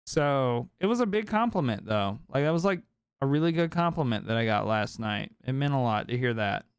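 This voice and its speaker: A man's voice: mid-range voice, sing-song, brisk, smooth, no room sound, studio quality. A tired young man hosting a podcast, talking in a rambling, candid way and swearing freely late at night. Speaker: podcast host. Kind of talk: late-night casual chat.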